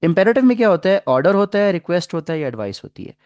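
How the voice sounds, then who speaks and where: A man teaching English grammar in a classroom lecture, explaining patiently, reading English example sentences slowly and asking the class questions. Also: sits high, big pitch swings, a little mellow, no room sound. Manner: asks the class questions and repeats answers.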